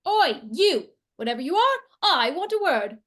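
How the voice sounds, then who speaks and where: A woman's voice: high-pitched, lively intonation, moderate pace. A woman voicing Donna, a fierce, blunt companion, in a fan audio drama. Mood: shouting. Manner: blunt and combative, shouts when angry.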